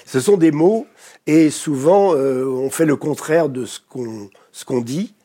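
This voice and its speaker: A French man with a French accent, a therapist speaking as a guest in an interview, reflective and pausing often to search for words. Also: fairly high pitch, dark tone, slightly rough. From France. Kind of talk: studio interview.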